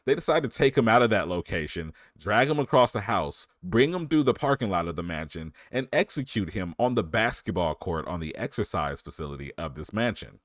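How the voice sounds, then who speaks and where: A man co-hosting a podcast, retelling a movie's plot in a casual, animated way, full of slang and jokes. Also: low voice, a little fast, hardly any pauses, dry recording, clean studio sound. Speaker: podcast co-host. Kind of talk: casual movie recap chat.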